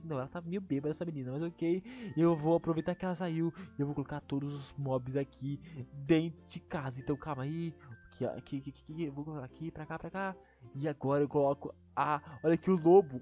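A man with a Brazilian accent giving excitable Minecraft let's-play commentary, jumping to high-pitched yelps when alarmed. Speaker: gaming YouTuber. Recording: dull lo-fi voice with faint music.

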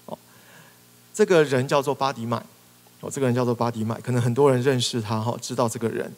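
A man's voice: medium pitch, fairly even intonation, quick pace, darkish tone. A male pastor preaching a sermon, animatedly acting out prayers and cries with rising emphasis. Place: church hall. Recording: reverberant church hall.

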